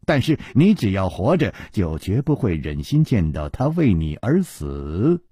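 Man doing a sinister young villain, low hushed threats, very slow delivery, dry close sound. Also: sing-song, slightly rough, no echo, full character voice. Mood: coldly calculating. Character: scheming young male villain, cold and menacing. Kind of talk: Chinese storytelling radio reading.

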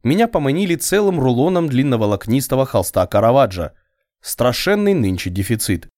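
A man reading a first-person story aloud as a scripted audiobook narration, with an expressive, ironic delivery. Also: medium pitch, brisk, no echo, clean studio sound.

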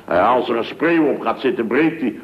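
A blustering, excitable contractor boss who stammers and breaks into loud yelps, played by a man. His slightly high voice swings widely in pitch. The sound is a dull, lo-fi old radio recording. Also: moderate pace, natural voice. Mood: rambling. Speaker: boss of a building firm. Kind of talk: 1960s radio comedy acting.

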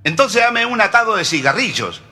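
A man's voice: high-pitched, very animated, normal speed, bright, forceful tone, full character voice. Man doing a breezy Argentine shopper, put-on accent. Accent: Argentine Spanish (put on). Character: Argentine man buying cigarettes, casual.

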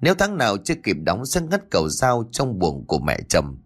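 A man narrating a folk story in an expressive, dramatic way. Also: fairly low pitch, a little fast.

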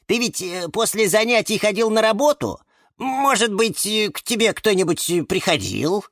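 A man voicing a fussy, excitable male lemon houseplant who turns shrill when upset, in a children's storybook. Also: normal speed, dry recording, studio quality.

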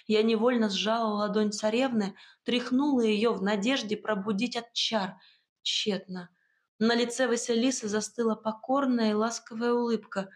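Measured woman audiobook narrator. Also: a little high, steady tone. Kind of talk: scripted first-person narration.

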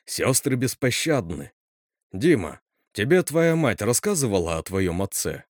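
A man's voice: fairly low pitch, big pitch swings, a little slow, dry recording, studio quality. A man voicing a stern, grim male teacher who talks bluntly and scolds, in a read-aloud horror story. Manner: blunt, scolding, snaps loudly.

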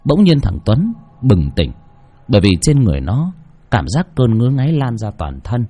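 A man's voice: huge pitch swings, moderate pace, warm tone, husky, faint music behind. A man narrating a horror story dramatically. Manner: dramatic, shifting pitch for effect.

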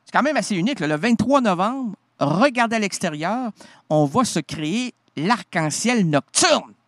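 Silly nasal radio guy riffing, kinda high voice, dry close mic. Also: animated, moderate pace, fairly bright tone, no echo. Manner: playful, rambling and goofy. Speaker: radio host. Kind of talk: comic radio banter.

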